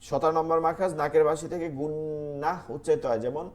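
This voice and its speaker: A man teaching an online Quran class, patiently repeating letter sounds slowly for students to copy. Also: fairly high pitch, fairly even intonation, darkish tone.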